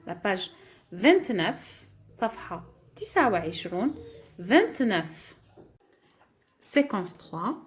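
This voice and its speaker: A woman primary school teacher, giving a French lesson to young pupils, patiently repeating each word and sound and explaining in Arabic. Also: mid-range voice.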